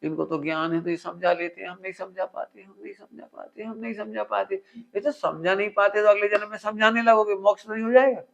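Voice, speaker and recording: High-pitched guy teaching a religious talk, keeps asking the crowd to repeat stuff back, muffled lo-fi sound. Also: brisk, vocal fry. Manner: quizzes listeners with call-and-response questions; animated, with everyday household examples. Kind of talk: spiritual discourse to an audience. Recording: dull lo-fi recording.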